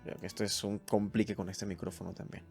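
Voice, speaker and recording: Low-voiced Venezuelan man musing aloud. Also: little pitch movement, fast talker, vocal fry, over loud music. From Mérida, Venezuela. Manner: thinks aloud, reads points from a list and comments. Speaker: podcast host. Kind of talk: solo reflective podcast chat.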